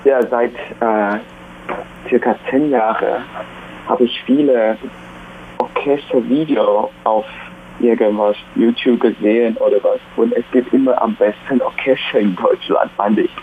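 Young man speaking haltingly on a phone line. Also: mid-range voice, fairly even intonation, a little hiss or hum. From Taiwan. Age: young adult. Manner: halting non-native speech, many pauses. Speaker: music student. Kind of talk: phone interview.

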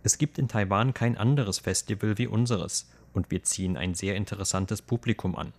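A man reading a translated voice-over in a steady, matter-of-fact way. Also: lowish voice, normal speed.

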